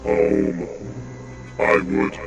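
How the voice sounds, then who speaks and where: A lost, bewildered Dalek speaks through a grating robot voice, very deep and heavily gravelly. Every word comes out slow and level, with almost no rise or fall. Music plays underneath. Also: male voice, full character voice. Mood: longing. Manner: flat, slow, halting delivery. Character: confused lost male Dalek war machine. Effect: robot voice, grating and mechanical. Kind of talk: fan audio drama acting.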